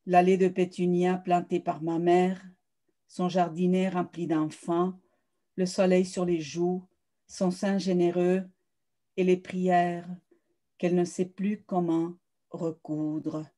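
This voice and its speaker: Flat, mellow-voiced woman reading poetry. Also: fairly low pitch, slow pace. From South America. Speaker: poet.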